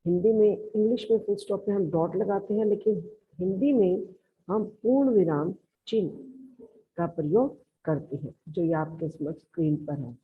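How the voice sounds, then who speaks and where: Woman, teacher, Haryanvi Hindi accent, patient classroom explaining, lowish voice, lo-fi recording. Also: normal speed, slightly rough. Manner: explains patiently, calls listeners "beta". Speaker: school teacher. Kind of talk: classroom grammar lesson. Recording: lo-fi, narrow band.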